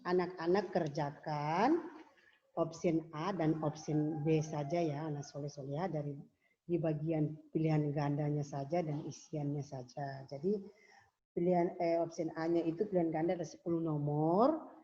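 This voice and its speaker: A woman teaching young pupils in a recorded lesson, explaining patiently, repeating herself and pausing with fillers. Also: low voice, fairly even intonation, warm tone. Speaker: religious school teacher. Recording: dull lo-fi home video audio.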